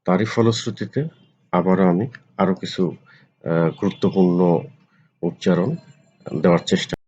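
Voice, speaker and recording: A man, a lecturer giving a pronunciation lesson, repeating each word slowly, sometimes syllable by syllable. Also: low-pitched, fairly even intonation, darkish tone, slightly rough. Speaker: Bengali lecturer. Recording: dull lo-fi recording.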